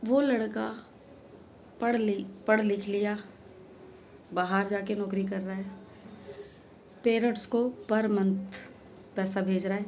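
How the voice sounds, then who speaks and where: A woman's voice: mid-range voice, steady tone, slow pace, pauses often, a little mellow, slight background noise. A woman telling an earnest, emphatic story to her followers, asking rhetorical questions as she goes. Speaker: social media creator. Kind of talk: heartfelt storytelling monologue.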